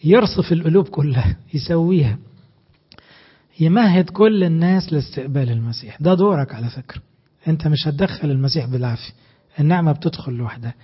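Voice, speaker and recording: A man with an Egyptian Arabic accent preaching a sermon, emphatic and animated, asking his listeners rhetorical questions. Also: a little high, fast, breathy edge, highs cut off.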